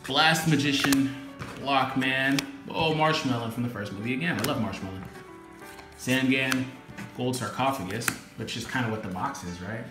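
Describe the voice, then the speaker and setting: A man's voice: mid-range voice, normal speed. Man with an echoey room sound. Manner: casual, rattles off lists of names, apologetic asides. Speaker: YouTuber unboxing trading cards. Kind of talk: casual unboxing vlog. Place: indoor home room with echo. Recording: echoey room with music behind.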